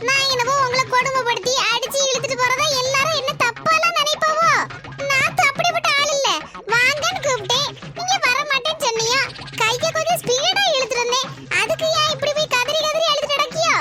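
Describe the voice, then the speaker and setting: A woman's voice: extremely high pitch, brisk, over loud music. A woman voicing a sly, bold young wife in a cartoon, teasing. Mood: coaxing. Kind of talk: cartoon voice acting.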